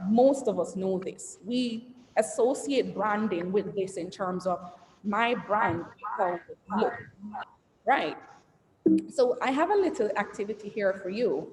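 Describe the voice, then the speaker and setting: Over a video call, a woman executive with a medium-pitched, darkish voice gives entrepreneurs an interactive branding talk. Her manner is conversational as she questions listeners, reads chat messages aloud, and lets lists trail off with "et cetera." Faint noise sits under a roomy, reverberant sound.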